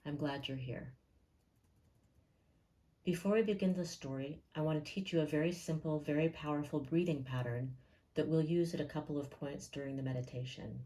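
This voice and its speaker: In a low-pitched voice, she leads listeners through a guided meditation, unhurried, calm and gentle, with pauses separating her phrases.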